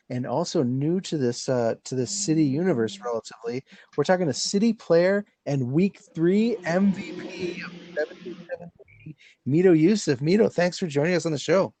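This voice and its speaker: A man's voice: on the high side, warm tone, dry recording. A man hosting a casual soccer podcast, reading out results and introducing a guest in a loose, jokey way. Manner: loose, jokey, a bit crude. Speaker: podcast host.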